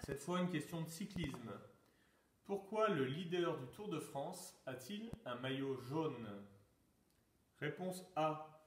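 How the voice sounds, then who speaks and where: Slow-paced, lively and a touch bright, a fairly high-voiced man quizzes his pupils on sport trivia during a lockdown session, reading the answer choices in a teacherly manner. Before each workout exercise he calls "top!" to begin. His voice sounds distant in an echoey room, with slight background noise.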